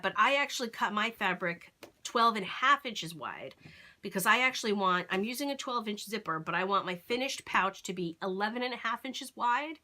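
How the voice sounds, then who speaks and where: This woman's mid-range voice comes across bright and forceful as she leads an informal sewing tutorial. Explaining each step aloud, she keeps asking "okay?" and fills her running commentary with fillers and self-corrections.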